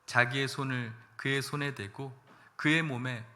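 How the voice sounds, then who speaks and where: A male pastor delivering a Sunday sermon with a bright, forceful voice. He moves between reading scripture aloud and speaking with rising emotion. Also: medium pitch, steady tone, unhurried.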